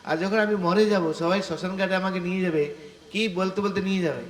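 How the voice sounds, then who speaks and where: A male preacher giving an animated devotional sermon, asking the gathering rhetorical questions. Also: high voice, a little fast, crowd noise. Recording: echoey room with faint ambience.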